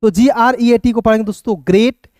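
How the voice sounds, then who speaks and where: A man's voice: very high voice, steady tone, brisk, a little mellow, no echo. Male teacher, step-by-step explanations, questions to the viewer, dry close sound. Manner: frequently addresses listeners as friends. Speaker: English teacher. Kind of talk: spoken classroom-style lesson.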